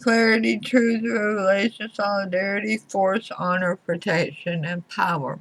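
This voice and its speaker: A woman giving a tarot reading to viewers in deliberate short phrases, her speech slightly slurred as if from a swollen mouth. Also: medium pitch, steady tone, a bit bright, poor audio. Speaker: tarot reader.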